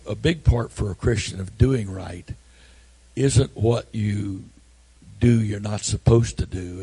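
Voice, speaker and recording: An older man, a pastor, preaching a sermon with earnest, repetitive storytelling that builds from hushed tones to near-shouting. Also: on the low side, creaky, slightly rough.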